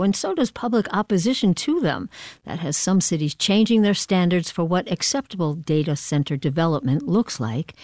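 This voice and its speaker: A woman hosting radio news, smoothly reading a scripted introduction. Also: on the low side, a little mellow, dry recording.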